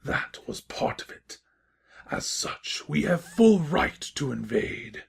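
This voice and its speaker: A man voicing a seductive, menacing dark unicorn tyrant king in a fan audio drama, with a gravelly, breathy rasp and a smug manner. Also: a little high, sing-song, takes it slowly, whispered, heavily acted.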